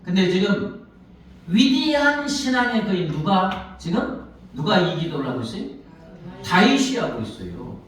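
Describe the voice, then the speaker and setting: At a measured pace, a male pastor with a high, sing-song voice gives a Sunday sermon, acting out pleading prayers and questioning his congregation. The church sanctuary is echoey and the mic sits at a distance.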